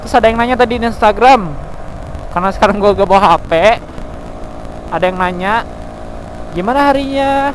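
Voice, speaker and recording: A man's voice: high-pitched, brisk, pauses often. A man, chatting candidly and rambling from the heart while riding a motorbike at night. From Cianjur, West Java. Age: 20s. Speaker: vlogger. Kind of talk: casual confessional chat while riding at night. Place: outdoors on a motorbike at night in town traffic. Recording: loud road and traffic noise.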